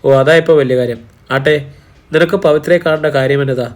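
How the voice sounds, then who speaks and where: A man voicing a sharp-tongued, hostile middle-aged woman who scolds and sneers in an audiobook story. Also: on the high side, steady tone, brisk, close to an everyday voice. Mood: scornful. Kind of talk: audiobook character voice.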